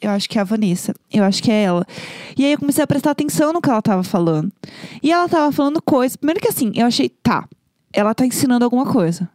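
A woman tells a story on a casual podcast, animated and dramatic. Her voice sits a little high. The sound is dry and close, with no room around it. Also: racing, no echo. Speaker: podcast co-host.

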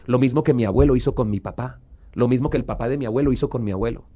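A man's voice: mid-range voice, very fast, mellow. A middle-aged man giving an earnest personal testimony as an interview guest, sometimes slipping into a preacher's manner.

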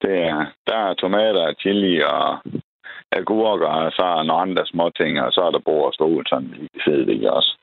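A man's voice: a bass voice, vocal fry, dry recording. A man calling in by phone, chatting casually in short plain answers. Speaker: caller. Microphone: telephone. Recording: tinny phone line.

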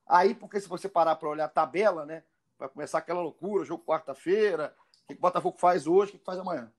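A man's voice: a little high, fast. A man with a Brazilian accent hosting a casual football show in a chatty, informal, emphatic way. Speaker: sports podcast host.

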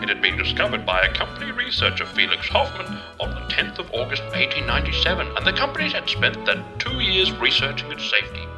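A man's voice: on the low side, very animated, moderate pace, music in the background, pitched below the performer's own voice, low-quality recording. A man putting on a transatlantic accent to voice an old-timey newsreel announcer, in a 1940s radio style. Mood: declaiming.

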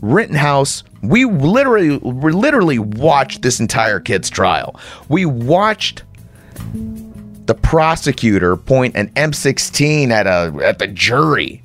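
A man delivering an impassioned, sarcastic monologue to listeners like a conspiratorial late-night rant, with rhetorical questions, repetition and dramatic pauses. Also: medium pitch, very animated, a bit bright, faint music behind. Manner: dramatic pauses and repeated phrases. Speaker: commentator host.

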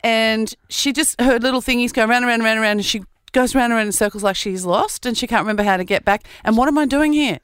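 A woman co-hosting a podcast, talking casually with chatty, lively reactions. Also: a little high, fast talker, few pauses, clear, resonant tone, no echo, clean studio sound. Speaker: podcast co-host. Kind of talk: casual chat.

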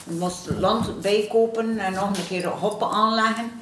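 A woman's voice: medium pitch, fairly even intonation, moderate pace. Older woman with broad West Flemish accent. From West Flanders, Belgium. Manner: plain-spoken, dialect phrasing. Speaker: interviewee, restaurant owner. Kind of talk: casual conversation. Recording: roomy, noisy on-location recording.

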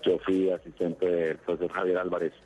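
A middle-aged football coach from Colombia giving a phone interview on sports radio, halting and reflective, with many pauses and fillers. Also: male voice, deep voice, flat delivery, darkish tone, highs cut off.

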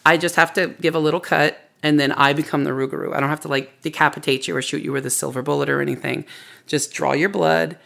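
Gravelly storyteller chatting about folklore. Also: medium pitch, steady tone, fast, fairly bright tone. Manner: reflective, explanatory. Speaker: storyteller and author interviewed as a guest. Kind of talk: casual conversational storytelling.

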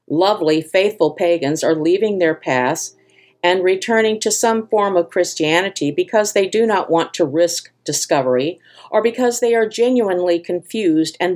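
Older female host, low-pitched, earnest and impassioned essay reading. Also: darkish tone. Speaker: podcast host.

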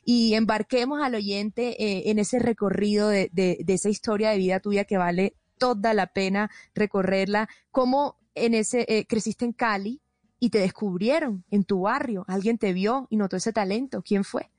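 A woman with a coastal Colombian accent co-hosting a live radio interview, speaking in an excitable, effusive way. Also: mid-range voice, moderate pace, no echo, clean studio sound. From Colombian Caribbean coast.

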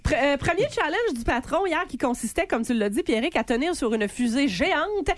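A woman's voice: high voice, lively intonation. A woman with a Quebec French accent chatting casually as a radio co-host, running through a list with many fillers. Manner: chatty, quick rundown with frequent fillers.

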